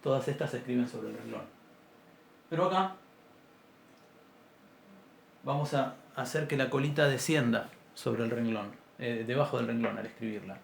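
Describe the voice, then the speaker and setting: Gravelly-voiced man teaching a class. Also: medium pitch, fairly quick. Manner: patient, explanatory, clears his throat often. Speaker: Biblical Hebrew teacher. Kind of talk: introductory language class. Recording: roomy echo, faint background noise.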